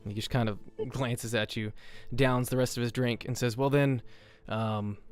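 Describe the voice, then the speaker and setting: A man's voice: mid-range voice, level tone, normal speed, faint music behind. A man narrating and voicing characters as game master of a tabletop game, hesitant with many ums and restarts.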